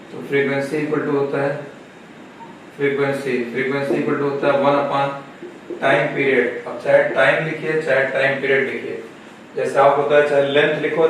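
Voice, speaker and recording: A male physics teacher with a Marathi-influenced Hindi accent giving a slow, repetitive classroom lecture, asking questions and answering them himself. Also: mid-range voice. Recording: echoey classroom, camera far off, faint noise.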